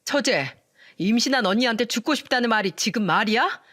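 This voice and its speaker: A woman's voice: a little high, lively intonation, fairly quick, a bit bright. A woman voicing a firm young husband who sternly defends his wife, in a storytelling reading. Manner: stern, blunt. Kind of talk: storytelling radio drama reading.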